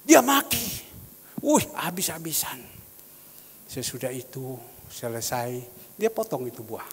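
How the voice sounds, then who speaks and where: A male pastor telling a story in a sermon, animated, dropping to hushed whispers and rising to loud exclamations. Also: mid-range voice, unhurried. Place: church hall. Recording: reverberant church hall, faint background noise.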